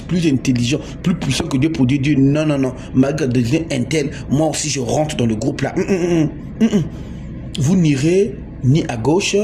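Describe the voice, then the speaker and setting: Congolese male preacher, emphatic and repetitive, slightly high voice, noisy recording. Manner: emphatic, repeats words, asks the audience. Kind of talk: sermon. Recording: noisy background.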